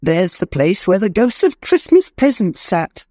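Scrooge, a high-pitched emotional old miser, as a man puts him on. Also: measured pace, darkish tone, no echo, clean studio sound. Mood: overjoyed. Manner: emotional, pleading, exclamatory. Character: old man Scrooge, repentant, desperate then overjoyed. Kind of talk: storybook reading.

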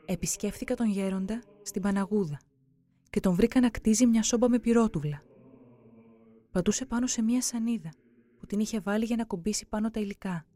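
A narrator giving a solemn, measured scripted reading for a religious documentary. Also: mid-range voice, dark tone.

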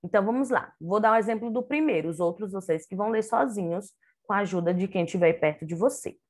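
A woman's voice: medium pitch, fast talker, a little mellow. A woman teaching an online phonics lesson to young children, with a Brazilian Portuguese accent, sounding out words syllable by syllable. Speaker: kindergarten teacher.

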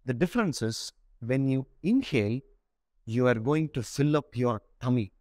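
A man in his forties teaches a breathing practice, explaining it in short, separated phrases. His pitch sits in the middle range for a man. The lapel microphone gives a very dry sound with little room in it. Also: animated, moderate pace, darkish tone, dry recording. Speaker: breathing meditation instructor. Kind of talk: spoken instructional lesson to camera. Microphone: clip-on lapel mic.

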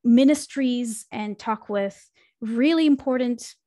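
Her voice is fairly high and warm, and she takes it slowly. The Israeli marketing consultant, a podcast guest in a casual interview, reflectively shares her career story with fillers and restarts, speaking into a studio mic over a video call from a small home room on a dry recording.

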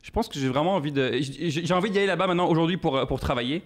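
A quick-talking man in his thirties with a French accent, his voice sitting a little high for a man. He answers interview questions as a guest comedian and tells his stories in an animated way, with quoted asides. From France. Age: 30s.

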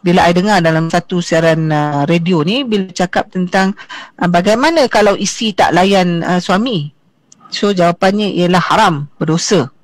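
A woman in her forties from Johor with a Malaysian accent, giving an online seminar talk in a lively way with English asides and rhetorical questions. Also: on the low side, normal speed, no room sound. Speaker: seminar speaker.

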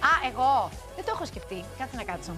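A woman's voice: high voice, very animated, over music. A young woman hosting a daytime TV show, chatting playfully to camera and teasing her crew in a studio. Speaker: TV show host. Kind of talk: lively studio chat to camera.

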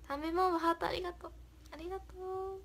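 Young woman, high voice, casual livestream host, giggly, thanks viewers one by one. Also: fairly even intonation, a little fast, fairly bright tone. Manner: reads viewer comments aloud and thanks them, giggly.

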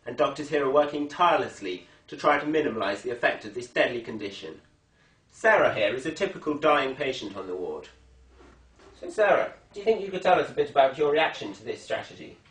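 A man's voice: mid-range voice, expressive, brisk, fairly bright tone, close to an everyday voice. A young man playing an earnest TV reporter, in the manner of a parody news anchor. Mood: earnest reporting. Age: young adult. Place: indoor hospital ward, camera microphone at a distance. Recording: echoey room, distant microphone.

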